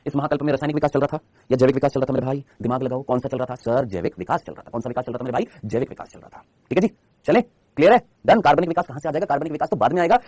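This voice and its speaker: A man with a high, very lively voice races through a live online biology lesson in Hindi, firing questions at his students and answering them himself. His voice is a little husky. It sounds close and dry, with no room echo. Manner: quizzing students with constant rhetorical questions. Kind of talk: live online class lecture.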